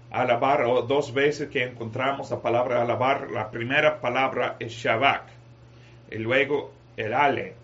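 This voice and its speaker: A man preaching a sermon to a congregation, rising to shouted climaxes. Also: medium pitch, muffled recording. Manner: rises to shouting climaxes, addresses congregation as brothers.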